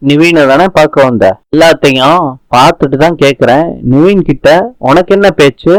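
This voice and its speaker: A man's voice: fairly high pitch, moderate pace, no room sound, close to an everyday voice, poor audio. A man reading a scolding protective older sister. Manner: scolding, sharp questions.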